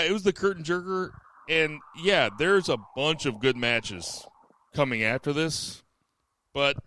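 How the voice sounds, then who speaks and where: A man's voice: mid-range voice, bright, forceful tone, smooth, dry recording. A man hosting a casual podcast chat, joking around and steering the conversation. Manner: joking, leads the show and hands off questions. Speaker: podcast host.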